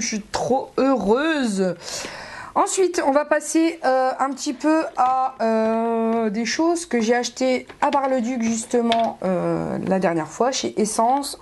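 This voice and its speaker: A woman talking through a casual makeup haul as a beauty vlogger. She is chatty and expressive, swears offhandedly, and stammers and repeats herself when worked up. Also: mid-range voice, slight background noise.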